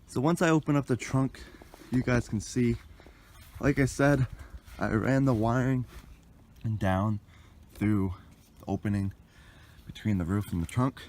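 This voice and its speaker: Working in and around a parked car outdoors, a young adult male vlogger demonstrates a car radio install in an informal, rambling way with some mild swearing. His medium-pitched voice is a little mellow and a little slow, with long pauses and a faint hiss or hum behind it.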